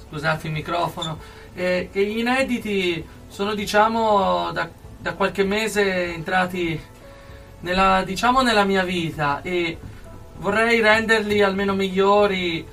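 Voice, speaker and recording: A young adult man giving earnest, halting interview answers as a guest in a radio studio. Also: sits high, fairly bright tone, distant mic, soft background music. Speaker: interview guest, aspiring musician.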